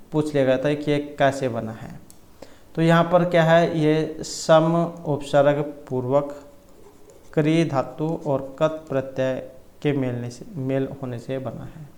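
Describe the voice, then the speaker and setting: Here the Sanskrit exam tutor speaks with a medium-pitched, somewhat dark voice. He walks through multiple-choice answers and recites terms and grammar rules one by one, catching and correcting himself mid-sentence.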